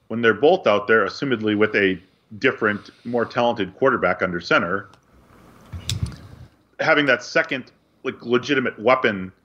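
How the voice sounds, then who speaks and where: This man, co-hosting a sports podcast, has a fairly bright voice on the low side. He goes through news items and casual talk with a dry, wry edge, all captured in dull lo-fi sound.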